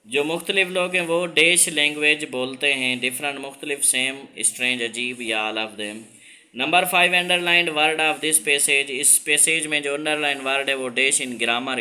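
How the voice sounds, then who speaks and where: A man teaching an English reading lesson, reading English lines slowly and then explaining them in Hindi-Urdu. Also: mid-range voice, bright, forceful tone.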